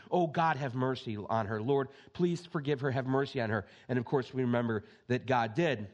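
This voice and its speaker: A middle-aged man preaching a sermon with personal stories, animated and impassioned, acting out the voices he quotes. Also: mid-range voice. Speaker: pastor.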